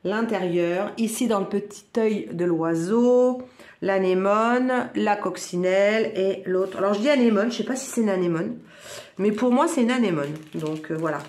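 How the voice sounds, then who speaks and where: A woman from northern France with a northern French accent, chatting excitedly through a crafts unboxing at home, full of little exclamations. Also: mid-range voice, moderate pace. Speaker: crafts vlogger. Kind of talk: casual product unboxing. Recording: roomy echo.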